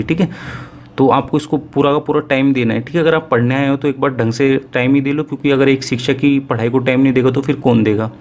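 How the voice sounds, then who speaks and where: Brief: male tutor, mid-pitched, patient step-by-step explainer, conversational classroom tone. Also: a little mellow. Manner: friendly, repeats "ठीक है" often, slows to read Sanskrit aloud. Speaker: exam prep teacher. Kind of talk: casual Hindi exam-prep lesson.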